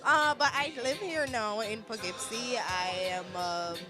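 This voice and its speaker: A woman from Jamaica, an entertainer and actress, talking in a lively, emphatic way in an event interview. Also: on the high side, measured pace. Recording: noisy event with crowd and music.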